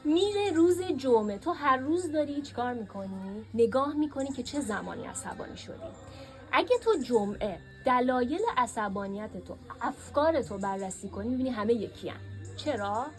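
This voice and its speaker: A woman leads a classroom workshop, putting questions to her students. Her pitch leaps up and down as she explains, sitting a little higher than usual, with faint music underneath. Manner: lively, asks the class questions. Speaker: workshop teacher. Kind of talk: classroom teaching.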